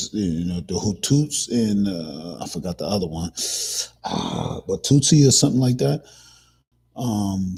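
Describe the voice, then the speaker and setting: A man's voice: fairly low pitch, darkish tone, husky. A man hosting a casual commentary talk, rambling with many restarts and fillers. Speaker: podcast host.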